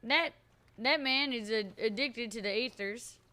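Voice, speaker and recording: Brash, bright high-voiced woman role-player. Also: a little slow. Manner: brash, teasing, folksy ungrammatical talk. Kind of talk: in-character western role-play.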